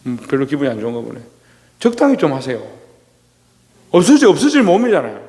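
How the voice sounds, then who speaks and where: A man preaching a sermon as pastor. He keeps asking the congregation questions and answering them himself, and he swings between loud, rising exclamations and low asides. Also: huge pitch swings, fast. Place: church sanctuary. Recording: long reverb of a church hall.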